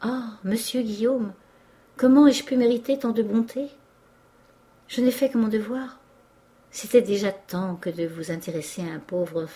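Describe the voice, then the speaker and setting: A woman's voice: medium pitch, moderate pace, mellow, close to an everyday voice. A woman voicing a timid, emotional young male clerk who speaks in a humble, faltering, earnest way.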